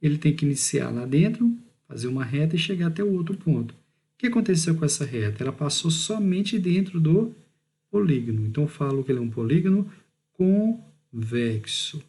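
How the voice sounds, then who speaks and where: A man with a Brazilian Portuguese accent records a math lesson over slides, his voice mellow and slightly high for a man. He works through each idea step by step, draws out key words slowly, and checks in with a quick "beleza?" or "tá bom?". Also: expressive. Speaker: teacher.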